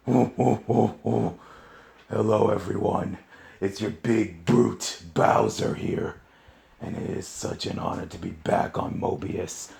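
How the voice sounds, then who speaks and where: A man voicing a big, boastful, brutish turtle king with a gravelly voice. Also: on the low side, steady tone, takes it slowly, darkish tone, heavily acted.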